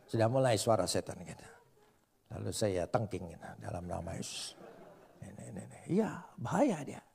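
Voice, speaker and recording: An older male pastor preaching a sermon lively rises to loud emphasis and playful teasing of the congregation. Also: fairly low pitch, normal speed, gravelly.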